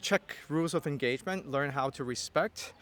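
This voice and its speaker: At a festival interview, a Hong Kong man whose first language is Cantonese answers questions with a Hong Kong accent. He is thoughtful and hesitant, full of fillers and restarts, and his voice is fairly high, a bit bright, at a moderate pace.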